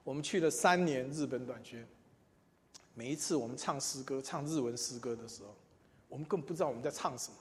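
A man, preaching and telling his own testimony, moving between loud emphatic lines and quiet asides. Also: a little high. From Taiwan. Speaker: church speaker. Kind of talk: sermon with personal testimony. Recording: long reverb in a large hall.

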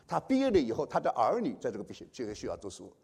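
Lively husky-voiced male preacher. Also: quick pace. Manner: storytelling, acting out dialogue with wide swings in pitch and loudness. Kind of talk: sermon testimony.

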